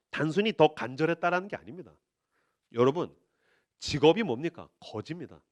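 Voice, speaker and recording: High-voiced, animated male preacher. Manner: emphatic, acts out quotes. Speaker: pastor. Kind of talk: sermon.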